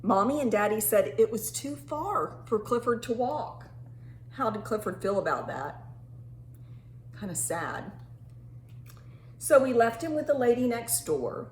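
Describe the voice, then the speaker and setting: A children's storytime reader and teacher reads a picture book aloud to young kids in an animated, teacherly way, stopping to ask simple questions and stretching words for emphasis. Her voice is on the high side. The room is echoey, with faint background noise.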